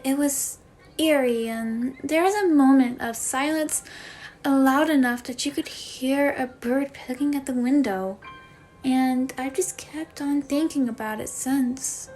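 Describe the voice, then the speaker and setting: For a voice acting demo reel, a woman performs a dramatic monologue as an anxious, lonely schoolgirl confiding in her mother, sounding uneasy and upset. She speaks hesitantly and plaintively, unhurried, in a high, slightly mellow voice. The recording is rough, with a little hiss or hum.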